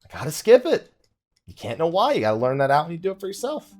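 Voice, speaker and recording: This video game streamer has a slightly high voice with huge pitch swings and a quick pace. He provides casual let's play commentary, talking half to himself while the game music plays.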